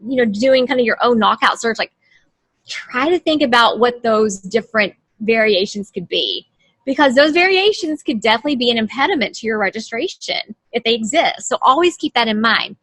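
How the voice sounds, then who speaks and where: Here a US trademark lawyer talks through her screen on a video call, casually explaining and frequently starting her sentences over. She sounds a little high and fairly bright, speaking briskly with lively intonation.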